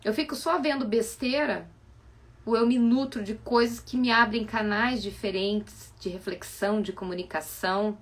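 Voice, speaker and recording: A woman with a Brazilian Portuguese accent, a psychoanalyst giving a reflective live-stream talk full of animated rhetorical questions. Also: a little high, moderate pace. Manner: asks many rhetorical questions, animated and coaxing.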